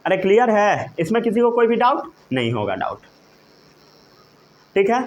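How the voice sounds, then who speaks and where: Male teacher, high and animated, slow deliberate delivery, constantly checks comprehension. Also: highs cut off. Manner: repeatedly checks understanding with short questions; slow, emphatic dictation of key terms. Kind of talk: classroom lecture.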